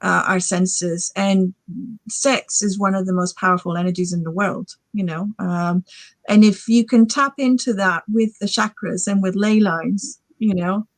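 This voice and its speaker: A woman in her forties chats enthusiastically, piling on fillers as she rambles. Her voice sits mid pitch and sounds dry and close. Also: steady tone, a little slow, no echo. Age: 40s. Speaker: guest author. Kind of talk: casual podcast chat.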